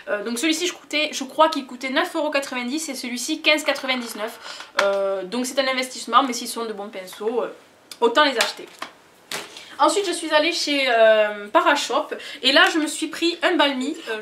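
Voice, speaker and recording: A woman's voice: fairly high pitch, bright, forceful tone, slight background noise. A young woman chatting enthusiastically in a casual haul vlog, gushing as she shows what she bought. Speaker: beauty vlogger.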